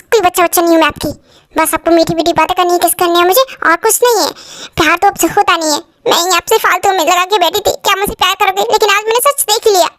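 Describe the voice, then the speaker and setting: A woman voicing a jealous, hurt young wife in a fan-dub drama, pleading and quick to anger. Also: very high voice, a bit bright, no room sound, studio quality.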